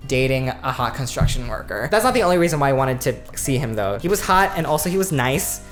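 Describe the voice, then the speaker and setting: A man's voice: medium pitch, animated, brisk, a bit bright, faint music behind. Chatty young man telling a story. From USA. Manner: chatty, lots of "like" and "you know", wry self-mocking asides. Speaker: vlogger. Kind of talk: casual storytelling to camera.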